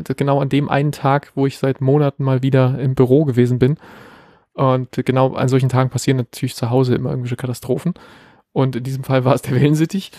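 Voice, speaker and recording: A man's voice: medium pitch, warm tone, no room sound, studio quality. A man in his thirties, co-hosting a podcast, telling a story casually with many fillers. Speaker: podcast co-host. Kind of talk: casual chat.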